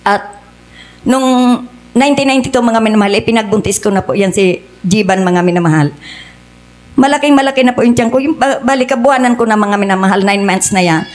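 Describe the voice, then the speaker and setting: A woman's voice: fairly high pitch, a little fast, long pauses. Earnest middle-aged woman giving church testimony. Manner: earnest, addresses the congregation as "mga minamahal" again and again.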